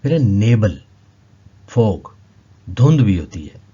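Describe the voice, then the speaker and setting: A man teaching a language lesson, slowly repeating each word several times. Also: on the low side, big pitch swings, warm tone, husky, dull audio. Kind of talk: explaining vocabulary lesson.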